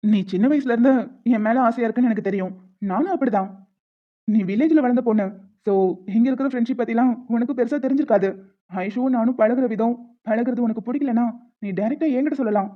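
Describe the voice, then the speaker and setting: A woman voicing characters in an animated story, talking in an earnest, reasoning way. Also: a little high, fast. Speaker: narrator voicing the male lead and others. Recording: tinny phone-like sound.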